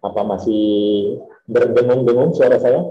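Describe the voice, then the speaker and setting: A man's voice: mid-range voice, moderate pace, dull audio. A man hosting a video call whose audio echoes, drones and breaks up. He welcomes people and reads out participants' names. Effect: echoing, droning, breaking-up call audio. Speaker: online meeting host. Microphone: computer or phone on a video call.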